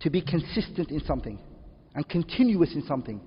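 A man's voice: fairly high pitch, sing-song, breathy edge. Male teacher, quizzes the room often, lo-fi echoey classroom recording. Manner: quizzes students with repeated questions; repeats key terms slowly. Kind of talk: classroom lesson. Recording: dull distant audio in echoey room.

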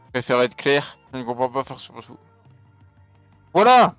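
A man's voice: mid-range voice, flat delivery, fast, a bit bright, clear, resonant tone, no room sound. Dude cursing his way through a let's play, dry close mic, faint music under him. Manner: crude, swears a lot, jokey. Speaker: gaming video creator. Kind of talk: casual let's play commentary.

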